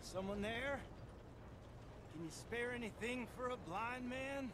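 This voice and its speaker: A whining fake blind beggar. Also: male voice, very high-pitched, slow pace, background noise. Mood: pleading. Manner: pleading, then sullen and defensive. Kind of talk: video game dialogue. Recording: game audio with outdoor ambience.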